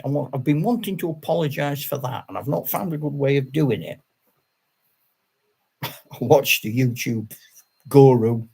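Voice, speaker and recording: An older man from Yorkshire, England hosts a wargaming channel and chats to viewers in a casual, rambling, self-deprecating monologue to camera, chuckling often. His voice is medium-pitched, darkish and slightly rough.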